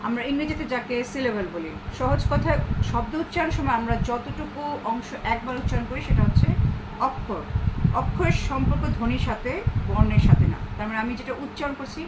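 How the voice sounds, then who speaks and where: A woman teaching a grammar lesson, explaining terms in a steady classroom manner. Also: sits high, a little fast. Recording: loud background noise.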